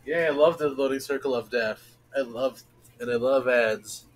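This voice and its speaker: A man's voice: medium pitch, normal speed, rough recording. A man chatting casually as an amateur fan dubber. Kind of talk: casual chat during an amateur dub.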